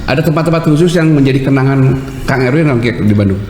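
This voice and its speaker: Joking Sundanese-accented host, echoey room. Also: male voice, medium pitch, expressive, quick pace, dark tone. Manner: joking, laughs easily. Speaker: talk show host. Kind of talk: casual interview hosting. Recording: echoey room with long reverb, background hiss.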